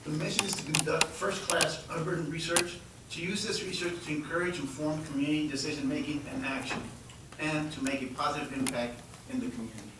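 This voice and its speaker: A man's voice: on the high side, fairly even intonation, a little fast. Friendly man speaking in an echoey hall. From Texas, US. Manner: friendly, joking, stumbles over repeated words. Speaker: event host and presenter. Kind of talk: introductory talk to an audience. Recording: echoey hall from far off, with noise.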